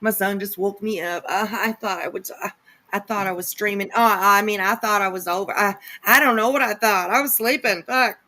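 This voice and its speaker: A woman hosting a casual livestream, salty and teasing, who playfully hushes her audience in half-whispers. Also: mid-range voice, a little fast. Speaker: livestream host reacting to a clip. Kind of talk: casual chat, commentary.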